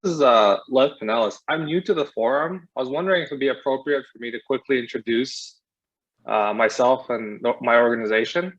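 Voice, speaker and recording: Man, out of breath, halting with fillers, mid pitch, muffled webinar call audio. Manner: hesitant, many fillers and restarts. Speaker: forum participant. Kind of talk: casual introduction on a video call. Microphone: video call. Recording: dull lo-fi video call audio.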